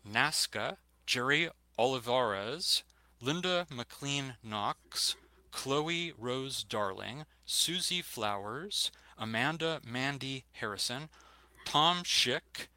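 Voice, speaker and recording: Male co-host, very bright tense tone, slow careful delivery, dry close mic. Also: mid-range voice, lively intonation, no echo. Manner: slow, deliberate, reads out names. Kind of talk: reading announcements.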